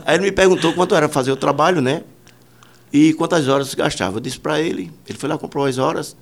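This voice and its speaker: A man's voice: fairly high pitch, fast talker, vocal fry. A man, a musician and producer, telling rambling anecdotes in a casual interview, full of fillers and quoted dialogue.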